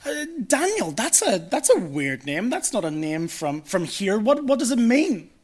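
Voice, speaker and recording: A man's voice: sits high, expressive, measured pace. A man voicing a scornful young Babylonian student who mocks faith with incredulous, sneering questions. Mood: mocking. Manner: sneering, incredulous, mock-offended.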